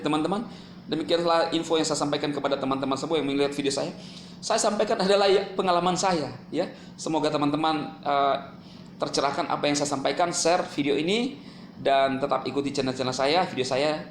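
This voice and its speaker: A man vlogging a heated rebuttal in colloquial slang, confrontational and repeatedly demanding answers. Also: high-pitched. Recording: echoey room with faint noise.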